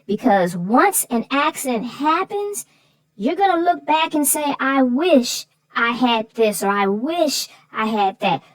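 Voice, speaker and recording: A woman with a high, animated voice speaks slowly on a rough recording as co-host of a children's read-aloud show. She talks over a story and gives safety advice, earnestly repeating words for emphasis.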